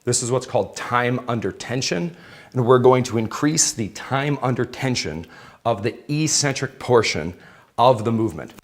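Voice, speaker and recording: A man's voice: medium pitch, animated, moderate pace. Informal male fitness instructor explaining. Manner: informal, checks in with participants. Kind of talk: live exercise demonstration, explanatory and conversational. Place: indoor aerobics room with exercise bikes. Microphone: worn clip-on or headset mic.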